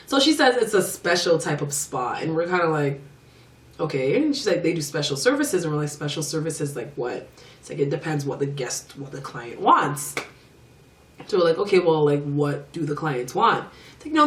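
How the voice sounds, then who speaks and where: A woman's voice: lowish voice, far from the mic. A young woman vlogger telling a casual storytime, acting out other people's voices and swearing freely. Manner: animated, acts out the other voices, curses freely. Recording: echoey room, voice a bit off-mic.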